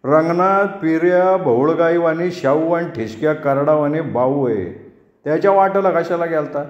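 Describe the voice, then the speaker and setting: A male narrator brings to life a sly, sharp-tongued village elder. He scolds with earthy proverbs and rustic idioms, in a raised, slightly high voice. The room around him rings with echo. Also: moderate pace, lo-fi sound, lightly acted. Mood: chiding. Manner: lecturing, proverb-laden, rustic dialect. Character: shrewd needling older village man. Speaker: village elder giving advice. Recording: roomy echo.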